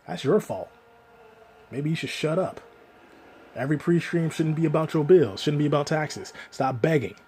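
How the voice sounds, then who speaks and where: A man's voice: mid-range voice, mellow, slight background noise. A man giving ranting reaction commentary, scolding and exasperated.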